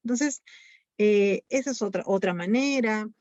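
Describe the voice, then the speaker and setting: A woman psychologist with a Peruvian Spanish accent answers parents' questions in an online talk, her mid-range voice measured in pace and darkish in tone. She explains things with lots of fillers like "eh" and "este," and the recording is dry, dull and lo-fi.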